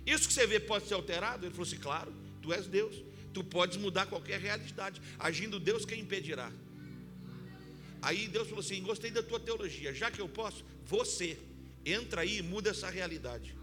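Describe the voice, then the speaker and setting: Male pastor, high voice, sermon that climbs to shouts, church with long reverb and music. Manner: preaching that climbs to shouts and sung lines. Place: church hall.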